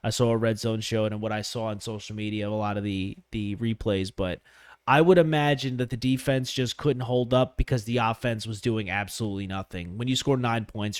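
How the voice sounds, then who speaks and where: A man's voice: fairly low pitch, clear, resonant tone, dry recording. A man hosting a casual solo sports podcast, rambling with lots of fillers and restarts, sniffly from allergies, close on a microphone. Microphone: close studio microphone.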